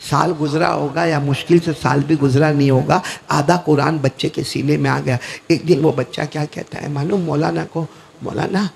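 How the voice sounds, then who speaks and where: A man preaching with a storyteller's flair and a high voice. His tone is gravelly, and he breaks off to quiz the crowd and have them repeat after him. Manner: asks audience to repeat answers back; acts out quoted voices in story. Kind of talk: storytelling sermon.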